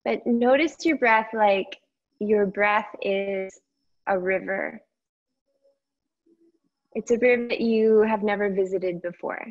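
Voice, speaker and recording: The somewhat muffled, lo-fi audio captures a woman yoga teacher leading meditation. Her voice is mid-pitched, and she talks gently and slowly, letting long silences fall between brief phrases.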